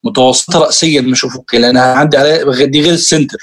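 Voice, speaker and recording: Fast-talking Egyptian man explaining steps. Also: medium pitch, steady tone, slightly rough. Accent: Egyptian Arabic. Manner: explains step by step, addresses students directly. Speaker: computer skills teacher. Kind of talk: screen-share tutorial lesson.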